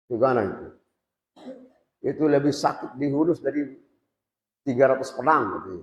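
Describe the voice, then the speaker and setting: A man's voice: mid-range voice, lively intonation, moderate pace. A man teaching an informal religious lesson to boarding school students, talking conversationally and putting questions straight to them. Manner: conversational, quizzes students directly. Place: boarding school prayer hall. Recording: echoey hall, dull lo-fi sound.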